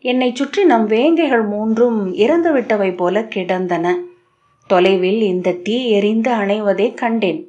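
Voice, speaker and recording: A dazed young disciple recounts a strange night in a bewildered, dreamlike way, as a woman reads him. His voice sits at a middling pitch. The recording sounds muffled and lo-fi. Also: a little slow, a little mellow, natural voice. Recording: dull lo-fi audio.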